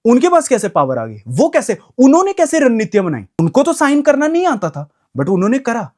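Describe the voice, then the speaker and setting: A young man rants to camera in a casual vlog. His pitch swings widely as he talks, and he leans on emphatic repetition. He drops English phrases into his talk. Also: wildly swooping pitch, a little fast, darkish tone. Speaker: vlogger. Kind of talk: casual opinion rant to camera.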